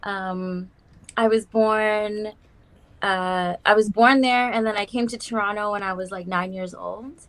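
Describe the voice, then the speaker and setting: Here the guest musician, a young adult woman from South Africa, speaks a little slowly with medium pitch and fairly even intonation. It's a relaxed interview chat, and she leans on "like" and "um" a lot.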